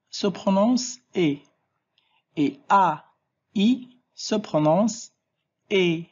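A teacher giving a slow, clear spelling and pronunciation lesson in French, switching into Arabic to explain. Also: medium pitch, a little mellow, muffled recording. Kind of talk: classroom language lesson.

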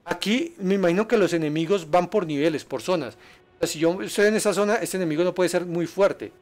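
Excitable high-voiced gamer man. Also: fairly quick. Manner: excitable, yelps and laughs at danger, chats with viewers. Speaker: gaming streamer. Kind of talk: live gameplay commentary.

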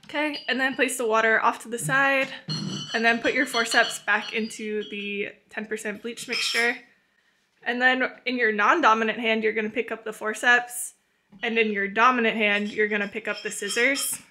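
A woman's voice: on the high side, steady tone, moderate pace, pushed and bright, a little hiss or hum. A young woman hosting a how-to video, giving friendly, patient step-by-step instructions with small laughs. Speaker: channel host teaching plant tissue culture. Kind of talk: casual instructional voice-over and live coaching.

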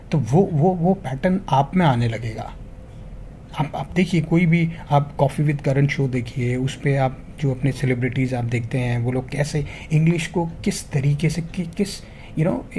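Earnest man teaching with mellow voice. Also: medium pitch, a little hiss or hum. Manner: earnest, addresses viewers as friends, mixes English phrases. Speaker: English teacher. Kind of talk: motivational spoken lesson.

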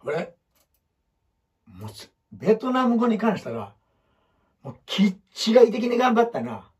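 A man whose voice sits high and a little mellow gives life advice as a photographer, speaking in Osaka Kansai dialect. He explains ideas on a whiteboard in a casual, blunt, rambling way, voicing quotes as other characters.

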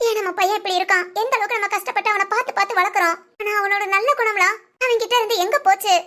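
A woman narrates a family short story in a very high, bright voice. Her telling is plain and explaining, walking the listener through what the characters feel. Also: steady tone, rapid-fire. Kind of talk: emotional storytelling.

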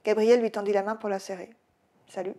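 A woman author reading her own novel aloud in a lively storytelling way. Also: medium pitch, fast talker. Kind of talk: audiobook reading.

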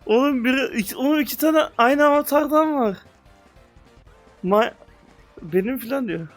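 A young man giving casual, excitable commentary on a VR game, slangy, with loud outbursts, sometimes speaking English. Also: very high-pitched, moderate pace, faint music behind. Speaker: gaming youtuber.

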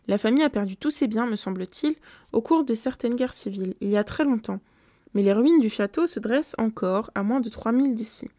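A woman reading a classic novella aloud on a live stream, in steady storytelling with occasional self-corrections. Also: a little high, a little fast, no echo. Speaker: book reader on a live stream.

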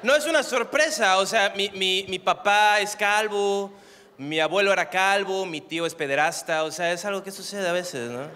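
A Mexican man from Acapulco with a Mexican accent, doing a dark, deadpan stand-up set before a live crowd. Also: high voice, moderate pace, clear, resonant tone, big-room sound. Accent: Mexican Spanish, non-coastal. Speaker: stand-up comedian. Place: comedy stage before a live audience.

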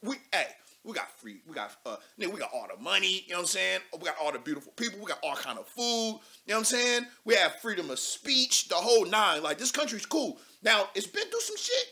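A man in his thirties hosting a live political call-in show from a studio desk, talking loud and animated with casual slang and cursing. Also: sits high, a little fast, few pauses. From United States. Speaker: talk show host.

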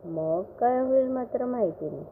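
An older woman storyteller narrating a bedtime story for children in a gentle, expressive way. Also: on the high side, moderate pace, vocal fry. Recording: phone-like line with faint hiss.

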